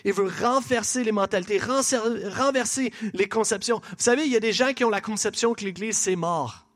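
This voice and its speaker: A man with a Québécois accent preaches in a church, his voice sitting high for a man. He talks animatedly and conversationally, tossing questions and asides out to the congregation as he goes. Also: a little fast, a bit bright. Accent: Québécois French. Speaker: pastor. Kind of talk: sermon.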